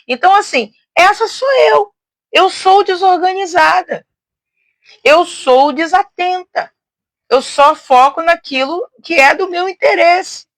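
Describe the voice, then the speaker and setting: A high-voiced woman teaching in a casual, outgoing way. She speaks loudly and expansively, often adding tag questions and restarting her sentences. The sound is dry, with no room echo. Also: takes it slowly. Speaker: teacher and host. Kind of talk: casual teaching on faith and psychology.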